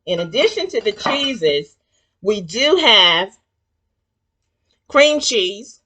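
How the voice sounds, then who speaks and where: A woman in her sixties with a Southern US accent, hosting a casual cooking demonstration in her home kitchen and chatting warmly and folksily with viewers. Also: mid-range voice, very animated, extremely slow, a little hiss or hum. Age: 60s. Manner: chatty and folksy, calls viewers honey and child. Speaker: cooking show host.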